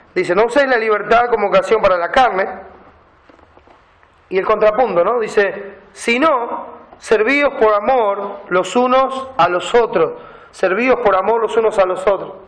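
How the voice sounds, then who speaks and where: A man's voice: sits high, reverberant, rough recording. A man preaching a sermon as pastor, reading scripture aloud and explaining the meaning of Greek words. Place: church.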